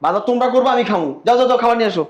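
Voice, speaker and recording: A man's voice: very high-pitched, animated, rapid-fire, roomy sound, lo-fi sound. A man playing a spoiled, lazy younger brother who rudely demands food. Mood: demanding. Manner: whiny, demanding, rude. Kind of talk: family drama acting.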